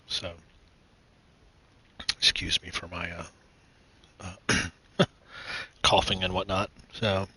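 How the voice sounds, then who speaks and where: A man from the United States hosting his own gaming channel, chatting casually and rambling with many fillers, restarts and throat clearing. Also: deep voice, little pitch movement, slow pace, long pauses, pushed and bright, rough recording. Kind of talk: casual gaming news chat.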